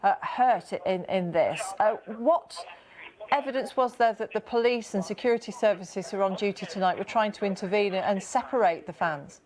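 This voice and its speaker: A woman's voice: medium pitch, moderate pace, darkish tone. A British woman hosting a live news programme, introducing reports and putting questions to reporters. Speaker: news presenter.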